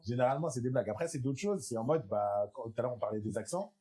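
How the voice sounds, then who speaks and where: A young man, an improv performer, in a casual panel talk, animated and laughing often, with many restarts. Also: mid-range voice, quick pace.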